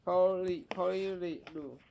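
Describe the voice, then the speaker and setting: Teacher, woman, lowish voice, patient drilling of syllables, dull lo-fi recording. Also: steady tone, vocal fry, dark tone, a little hiss or hum. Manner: repeats words slowly, drawing out sounds. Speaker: Japanese teacher. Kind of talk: pronunciation lesson.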